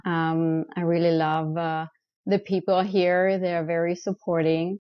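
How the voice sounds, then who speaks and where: Thirties German-accented woman as interview guest, lowish voice, halting delivery, muffled dry recording. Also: level tone, clean tone, no room sound. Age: 30s. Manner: hesitant, many ums and uhs. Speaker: photographer guest. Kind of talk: casual interview answers.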